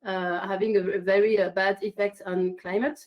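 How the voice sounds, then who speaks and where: A woman's voice: mid-range voice, level tone, normal speed, dull audio. A woman speaking broken English at an online conference, hesitant and often searching for words. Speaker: campaigner presenting a petition. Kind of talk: prepared remarks at an online conference.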